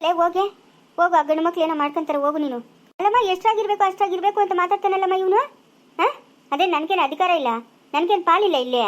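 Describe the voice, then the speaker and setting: A woman's voice: very high voice, rapid-fire. Fierce village woman, a woman acting with a rural accent. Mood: scolding. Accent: rural Chikkaballapura Kannada. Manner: scolding, fierce and indignant. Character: quarrelsome village woman fighting for her family rights. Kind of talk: village family drama skit.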